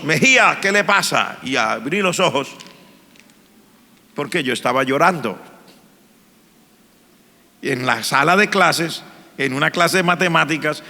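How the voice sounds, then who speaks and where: A man's voice: mid-range voice, gravelly, sharp tone, in a large hall. A man, a pastor telling his personal testimony in church with an earnest, emotional manner. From Colombia.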